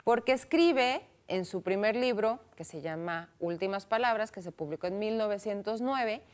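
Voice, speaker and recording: A woman's voice: mid-range voice, animated, moderate pace. A woman hosting a cultural radio talk show, chatting with a co-host and reading out listener calls and votes on a studio microphone.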